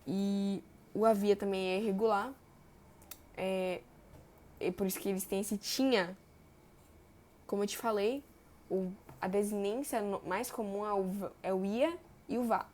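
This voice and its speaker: A young woman, teaching verb tenses in a chatty way and stretching example words slowly. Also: mid-range voice, a little mellow, slight background noise. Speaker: Portuguese grammar teacher. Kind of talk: explaining verb tenses on a board.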